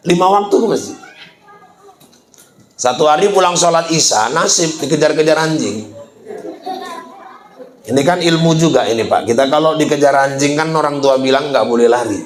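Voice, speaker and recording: A man's voice: on the high side, echoey room, rough recording. A man preaching a humorous sermon, telling folksy stories with playful comic voices. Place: school event hall.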